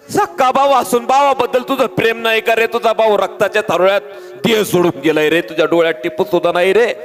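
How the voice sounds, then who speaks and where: A man's voice: very high voice, voice pushed up. Man playing a grieving warrior king. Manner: impassioned, pleading, shouting out names. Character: grieving warrior king mourning his fallen friend. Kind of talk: dramatic storytelling oration. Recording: long hall reverb with faint music.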